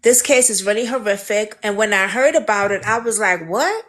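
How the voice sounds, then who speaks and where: A woman's voice: medium pitch, fairly quick, a bit bright. A woman with a Brooklyn accent hosting a casual interview, speaking in an informal, direct, plainspoken way. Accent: Brooklyn, New York. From Brooklyn, United States. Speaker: interview host.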